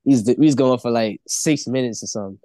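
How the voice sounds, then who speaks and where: A man with a relaxed, mid-pitched voice chats as a guest artist in a dry-sounding recording. His casual storytelling is thick with slang, swearing and "bro". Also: fast talker, dry recording. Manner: heavy slang and constant swearing; says "bro" constantly. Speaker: podcast guest, music artist.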